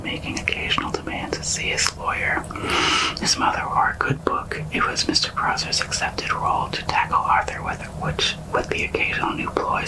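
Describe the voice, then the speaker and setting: A middle-aged man whispers an ASMR book reading, halting now and then and repeating words. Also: poor audio. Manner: whispering throughout.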